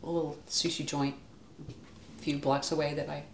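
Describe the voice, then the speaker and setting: An older woman appears as a guest on a live stream, chatting casually in a low, level voice at a normal pace. The room is echoey, with faint ambient noise.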